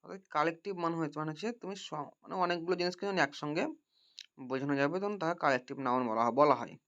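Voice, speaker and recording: Man tutoring grammar with many checking questions, slightly high voice. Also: racing, fairly bright tone. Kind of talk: grammar lesson. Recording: dull lo-fi recording.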